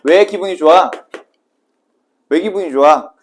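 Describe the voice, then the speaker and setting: A male Korean literature teacher giving a casual exam prep lecture, quizzing his students and then answering his own questions. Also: high-pitched. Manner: brisk and casual, asking students questions and answering them himself.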